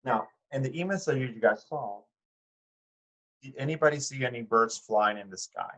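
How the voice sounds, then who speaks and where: A man's voice: mid-range voice, normal speed, fairly bright tone, poor audio. A man teaching an art class, speaking conversationally to his students with fillers and restarts, often putting questions to them. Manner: addresses students directly with questions. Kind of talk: recorded class lecture.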